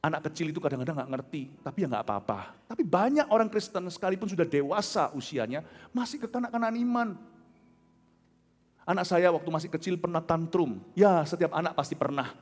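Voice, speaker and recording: A middle-aged man with an Indonesian accent preaching a sermon as a pastor, telling stories with loud outbursts and soft low asides. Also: expressive, a little fast. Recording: large hall with long reverb.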